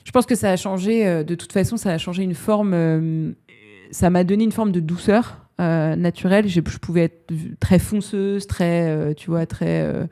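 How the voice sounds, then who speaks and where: Gravelly-voiced woman guest, thoughtful. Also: fairly low pitch, fairly even intonation, normal speed, warm tone. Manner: reflective, searching for words. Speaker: guest HR director. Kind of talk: casual podcast interview.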